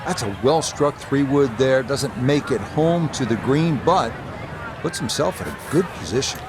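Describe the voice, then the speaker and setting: A man as a composed golf commentator in a video game, giving measured broadcast play-by-play. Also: mid-range voice, animated, background noise, close to an everyday voice. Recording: loud music and crowd behind. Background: music and crowd.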